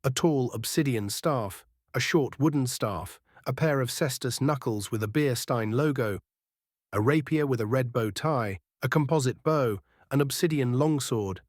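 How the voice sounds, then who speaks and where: A man's voice: mid-range voice, dry recording, studio quality. A man reading scripted fantasy narration as a storyteller.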